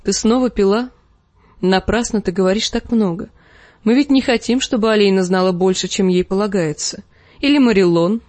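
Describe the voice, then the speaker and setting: A woman voicing a calm, scheming middle-aged lord who speaks slowly and soothingly. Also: mid-range voice, no echo, close to an everyday voice. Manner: slow, measured, soothing.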